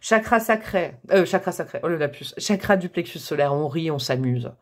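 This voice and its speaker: Talking right to her viewers, this woman gives a relaxed tarot reading in a deep voice with lively intonation and normal speed. She jokes around, laughs at herself, and keeps coaxing and encouraging her audience in a chatty, playful way.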